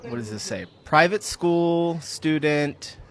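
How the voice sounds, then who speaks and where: A man's voice: a little high, lively intonation, slow pace. A man casually commenting on clips in a reaction video, amused by what he sees. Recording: loud music behind the voice.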